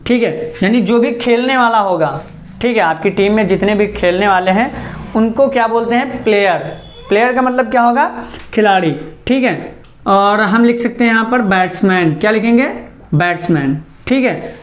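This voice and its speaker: A man teaching a classroom spoken-English lesson. He keeps asking a question and answering it himself, and he slows down to spell out example sentences word by word. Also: sits high.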